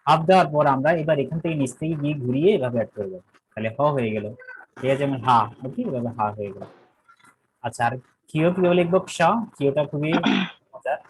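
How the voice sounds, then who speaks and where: A man's voice: mid-range voice, animated, fast, a little hiss or hum, rough recording. Man patiently teaching Sanskrit. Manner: patient, repeats points and checks understanding often. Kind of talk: online language lesson.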